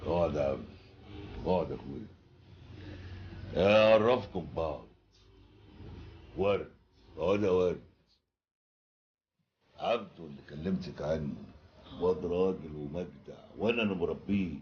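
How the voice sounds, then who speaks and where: An actor playing a gruff, commanding neighborhood boss, with an Egyptian accent and a blunt way of talking. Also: male voice, low-pitched, moderate pace, pauses often, slight background noise, close to an everyday voice. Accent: Egyptian Arabic. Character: gruff middle-aged male neighborhood boss. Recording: dull film soundtrack.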